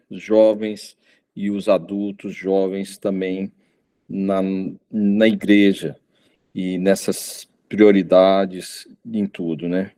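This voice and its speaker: A visiting preacher from Goiânia, Brazil, a middle-aged man with a fairly low, warm voice, delivers an informal sermon. He sounds hesitant, full of fillers and restarts.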